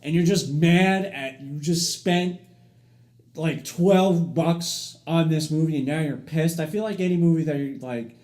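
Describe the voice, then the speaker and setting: A man's voice: fairly high pitch, measured pace, darkish tone. A man co-hosting a podcast, chatting casually about movies and agreeing a lot. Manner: easygoing, frequent "yeah, yeah" agreement. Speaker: podcast co-host.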